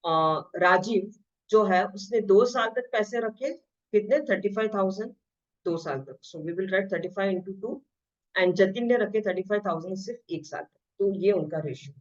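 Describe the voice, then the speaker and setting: A woman teaching an exam-prep math lesson, switching between Hindi and English. She reads the questions out slowly and explains them quickly. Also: medium pitch. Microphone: screen-share voice recording. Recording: slightly dull lo-fi audio.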